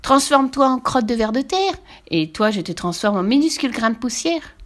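A woman's voice: on the high side, expressive, normal speed, voice pushed up, lightly acted. A woman voicing a spiteful, bickering witch who hurls silly rhyming insults in a storybook reading. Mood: mocking, spiteful. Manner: spits silly insults in rhymes.

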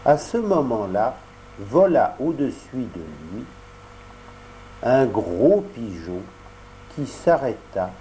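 A man narrating a storybook aloud in a measured, expressive reading. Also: medium pitch, a little hiss or hum, poor audio. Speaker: audiobook narrator.

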